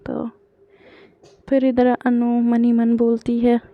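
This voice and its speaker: Woman, storyteller, casual retelling, gravelly, raised pitch, dry dull lo-fi recording. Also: completely flat delivery, slow pace, dry recording. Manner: plain retelling with frequent "so she says" links. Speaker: storyteller vlogger. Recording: dull lo-fi sound.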